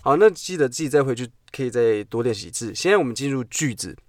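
A man's voice: mid-range voice, animated, no room sound, studio quality. Playful male teacher. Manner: playful, repeats words slowly for drilling. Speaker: English pronunciation teacher. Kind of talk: podcast lesson. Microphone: podcast mic.

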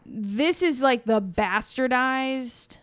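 A woman's voice: high voice, slow pace, fairly bright tone, clean tone, dry recording. A woman co-hosting a podcast, telling a story in a rambling, chatty way and often correcting herself. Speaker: podcast co-host. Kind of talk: casual storytelling chat.

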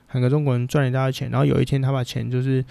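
A man's voice: medium pitch, level tone, rapid-fire, gravelly, dark tone, no room sound. A man with a Taiwanese Mandarin accent talking as a podcast host, rambling bluntly through a casual opinion chat and swearing freely.

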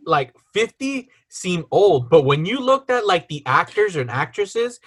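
A man in his late thirties hosting a casual podcast chat over a video call, chatty and quick to laugh. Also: sits high, big pitch swings, a bit bright, breathy edge. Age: 30s. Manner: chatty, laughs easily, loose filler-heavy talk. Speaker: podcast host.

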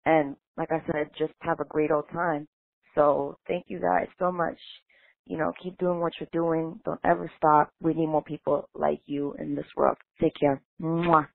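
A woman's voice: deep voice, little pitch movement, normal speed, creaky, no room sound. A woman, a listener, leaving a casual, thankful and chatty voicemail message for the show. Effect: voicemail played over a phone line. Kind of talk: casual spoken phone message. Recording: tinny phone-line voicemail.

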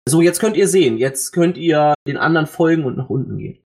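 A man's voice: fairly high pitch, animated, a little fast, a little mellow. A man playing a tabletop game, earnest and a little hesitant. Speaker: player. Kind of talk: casual tabletop play.

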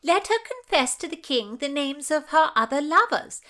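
A woman's voice: high voice, sing-song, moderate pace, bright, forceful tone, pitched above the performer's own voice, heavily acted. A woman voicing a spiteful, scheming Tudor noblewoman with a nasal twang and falsely sweet manner in an audiobook reading. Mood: falsely sweet, sneering.

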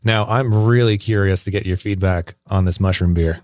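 A man's voice: low-pitched, moderate pace, a little mellow, no room sound, clean studio sound. A man hosting a casual podcast from home over a remote call, leading a beer tasting with easy questions. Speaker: podcast host. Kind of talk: casual chat.

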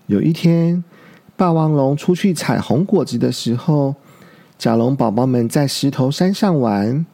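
A man narrating a children's story slowly and deliberately. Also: mid-range voice, lively intonation, vocal fry, mellow.

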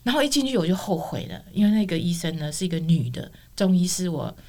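Lively middle-aged woman. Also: fairly low pitch, fast. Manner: expressive storyteller, acts out quoted dialogue. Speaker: guest sharing a testimony. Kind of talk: personal testimony storytelling.

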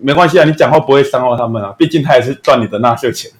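A man's voice: medium pitch, very fast. A young man with a Taiwanese Mandarin accent hosting a casual podcast chat, joking, laughing often and swearing casually. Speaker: podcast host.

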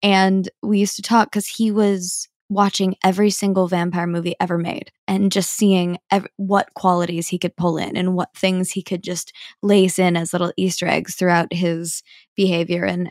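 A woman in her thirties co-hosting a casual rewatch podcast, chatty and quick to laugh. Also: on the low side, no room sound, studio quality. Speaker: podcast co-host, actress.

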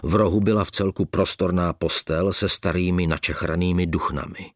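Low-voiced man reading an audiobook. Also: no room sound, studio quality. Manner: expressive storytelling. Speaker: audiobook narrator.

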